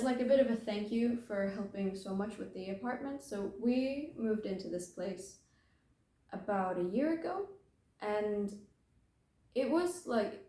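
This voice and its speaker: A woman's voice: medium pitch, dark tone. A young British woman hosting a knitting podcast, chatting casually from home in a rambling, self-deprecating way with plenty of filler words. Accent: British English. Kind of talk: casual chat. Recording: roomy echo.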